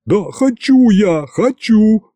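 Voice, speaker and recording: A man voicing a timid male governor who squeaks and shrieks in a high shrill voice. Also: lively intonation, slow, dark tone, no room sound. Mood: squealing.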